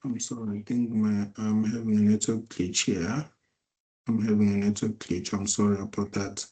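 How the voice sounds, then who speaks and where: A man's voice: lowish voice, flat delivery, moderate pace, warm tone, husky, poor audio. A man teaching an accounting class over a video call. He apologises often and restarts his phrases, and his volume keeps rising and dropping as his microphone cuts out. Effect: volume rising and dropping as his mic cuts out. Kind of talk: online class lecture.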